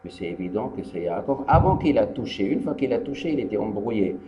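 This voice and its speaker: A rabbi from Tunisia gives a Torah lesson, telling the story in a lively way, acting out the dialogue and repeating the key phrases. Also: male voice, lowish voice, a little fast, echoey room. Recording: dull lo-fi archive recording with faint hum.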